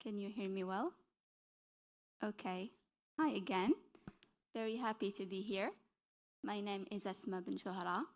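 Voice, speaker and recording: A woman's voice: medium pitch, measured pace, pauses often. A young woman from Algeria giving a conference presentation as a dietitian, explaining earnestly and correcting herself as she goes. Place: conference session hall.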